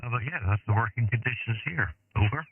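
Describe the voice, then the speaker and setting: Over a narrow shortwave radio signal, a man with a mid-range, slightly breathy voice talks fast. He's an amateur radio operator making on-air contact, giving his details in a friendly, easygoing way.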